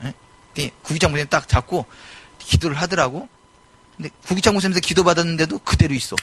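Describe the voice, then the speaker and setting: A middle-aged male pastor preaching a sermon in a church, animated and given to sudden loud exclamations. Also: a little high, quick pace, slightly rough. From South Korea. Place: church sanctuary.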